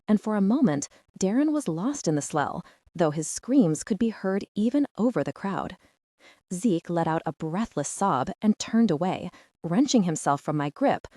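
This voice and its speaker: A woman's voice: fairly low pitch, dark tone, no echo, clean studio sound. A woman narrating an audiobook with tense, dramatic storytelling.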